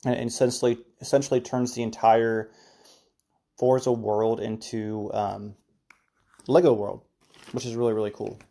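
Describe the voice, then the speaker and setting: A man with a mellow, relaxed voice chats casually through gaming news on his podcast, filling pauses with ums and uhs. He sounds a little under the weather, chewing cough drops as he talks. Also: medium pitch, vocal fry. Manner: rambling, chatty, filler-heavy news recap. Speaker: podcast host. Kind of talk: casual solo podcast chat.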